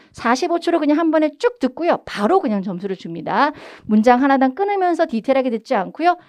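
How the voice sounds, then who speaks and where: Young female speaking-test instructor, energetic, high and very animated delivery. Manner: energetic, exaggerated stress when modeling phrases. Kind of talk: online lecture.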